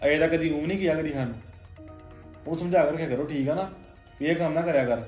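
A young man acting as a bitter stepson, curt and cold, who rattles his words off fast at a mid pitch. The room is echoey with soft music underneath. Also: dull audio, natural voice. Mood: cold, resentful. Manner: blunt, curt and dismissive. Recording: roomy room with faint music.

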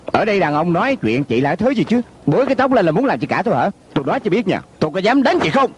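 A man's voice: high-pitched, big pitch swings, rapid-fire, a little hiss or hum. A man dubbing an arrogant young heir in a TV drama, blustering and insulting. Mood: mocking. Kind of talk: dubbed TV drama.

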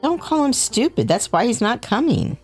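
A woman's voice: fairly high pitch, big pitch swings, normal speed, darkish tone, slightly rough, soft background music. A woman co-hosting a casual game playthrough, teasing her partner with dry sarcasm. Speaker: co-host. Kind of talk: casual let's-play banter.

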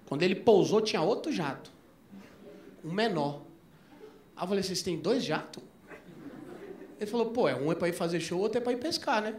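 A man doing stand-up, telling a long story and acting out both sides of the dialogue, his voice jumping up into near-shouts at the punchlines. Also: high voice, expressive, a little fast, long pauses. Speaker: stand-up comedian. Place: comedy club stage before a live audience. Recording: echoey club with crowd noise and laughter.

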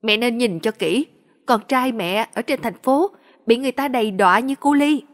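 A woman's voice: a little high, moderate pace, natural voice. A woman reading a story aloud, voicing an arrogant young woman who gives harsh, commanding orders. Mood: scornful.

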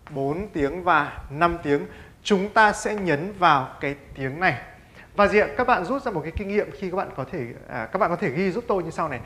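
A man's voice: a little high, fairly bright tone. A Vietnamese-speaking man teaching an English lesson. He keeps asking rhetorical questions, answers them himself and drills pronunciation by repeating words. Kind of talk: classroom-style English lesson.

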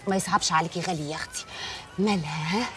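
A woman with an Egyptian accent, sweet-talking and flattering an older neighbor. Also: on the low side, rapid-fire, a little hiss or hum. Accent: Egyptian Arabic.

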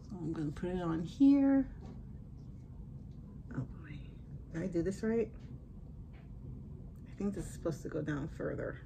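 A woman's voice: on the low side, big pitch swings, measured pace, creaky, pauses often, warm tone, slight background noise. A middle-aged woman vlogging a casual product review, thinking aloud as she talks through a sheet mask. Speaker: beauty vlogger.

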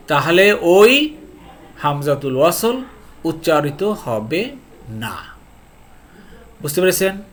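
A man teaching Arabic grammar for reading the Quran. He teaches lively, stresses his words, keeps asking whether it is clear, and slows down to read verses out. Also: a little high, slight background noise. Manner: speaks slowly when reading out verses. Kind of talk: lesson on a video channel.

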